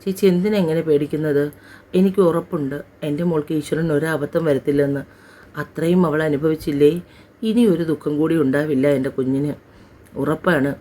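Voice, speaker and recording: A woman's voice: sits low, steady tone, normal speed, dark tone. A woman narrator voicing a caring, faithful older mother in an audio story. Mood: reassuring.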